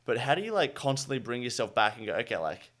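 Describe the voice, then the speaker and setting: A man's voice: mid-range voice, big pitch swings, fast talker, fairly bright tone. A man co-hosting a podcast, speaking in a reflective, thoughtful way. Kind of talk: casual podcast chat.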